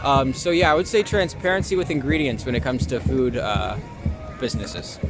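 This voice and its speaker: A young adult American man from Long Island, an actor, answers interview questions casually and somewhat hesitantly in informal language. His voice is mid-range and his speed normal, with music playing in the background.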